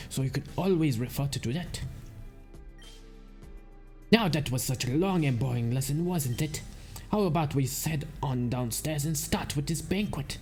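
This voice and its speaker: A man's voice: a little high, warm tone, natural voice. A man voicing a genial, formal male ship captain in a put-on accent while reading game dialogue aloud. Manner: formal, teasing, welcoming.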